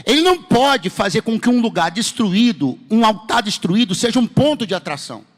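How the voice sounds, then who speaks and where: A man's voice: high-pitched, sing-song, brisk. A man with a Brazilian Portuguese accent, a pastor preaching a fervent sermon and firing rhetorical questions at his congregation. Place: church sanctuary. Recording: long hall reverb in a church.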